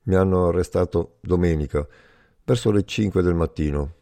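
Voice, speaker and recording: A man reads out a young jailed friend who talks plainly and likes a little teasing. The voice is low and mellow. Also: normal speed. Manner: light, teasing, frank. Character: young male prisoner friend, joking and candid.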